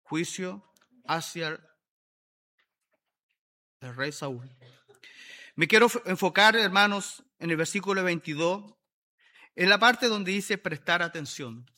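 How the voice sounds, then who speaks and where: A man's voice: high-pitched, takes it slowly, pauses often, pushed and bright. A man preaching a sermon, emphatic and repeating his key phrases for weight.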